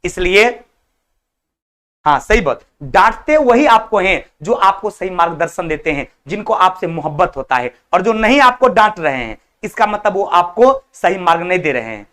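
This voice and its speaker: A man's voice: high voice, sing-song, moderate pace, a bit bright. A male teacher, lecturing an online exam-prep class in a scolding yet affectionate, colloquial way. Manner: colloquial, repeats words like 'chala' and 'babu'.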